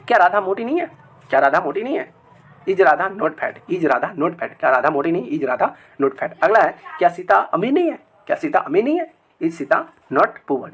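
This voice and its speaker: A man teaching English grammar to children in a video lesson, repeating each example sentence slowly several times. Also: sits high, fairly bright tone, breathy edge. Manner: addresses viewers as children. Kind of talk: Hindi-language grammar lesson.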